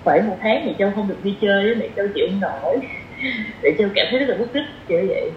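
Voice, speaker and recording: A woman with a southern Vietnamese accent chats casually as a podcast guest, talking very fast in an expressive, mid-range voice. She explains things conversationally using everyday examples, and the interview is recorded in an echoey room that sounds muffled, with faint noise.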